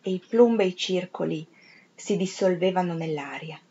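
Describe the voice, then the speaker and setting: A woman reading a novel aloud in a measured, expressive, dramatic way. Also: fairly low pitch, husky, highs cut off. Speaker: reader of literature. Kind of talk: literary audiobook reading.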